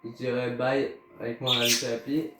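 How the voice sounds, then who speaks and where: A Québécois-accented Canadian man talks casually over his game for YouTube, faltering, stammering and using many fillers. He speaks at a normal speed in a mid-range voice with little pitch variation. The sound is noisy and echoey, with a distant mic and music underneath.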